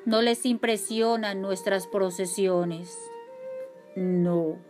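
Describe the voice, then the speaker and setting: A woman from voicing the oldest, wisest ghost, who speaks in a slow, solemn, defeated way. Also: mid-range voice, flat delivery, darkish tone, soft background music. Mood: resigned.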